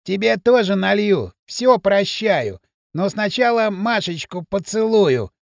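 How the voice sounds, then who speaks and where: A man's voice: sits high, big pitch swings, takes it slowly, creaky, no echo, studio quality, full character voice. A male audiobook reader voicing a drunk, lecherous, scruffy man who drawls and bellows cheerfully. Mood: leering, wheedling. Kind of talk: audiobook character voice.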